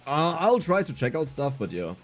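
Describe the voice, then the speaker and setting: Lively German-accented male streamer. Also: fairly high pitch, moderate pace, soft background music. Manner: animated, self-mocking, reads chat aloud and answers it. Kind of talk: casual livestream gameplay chat.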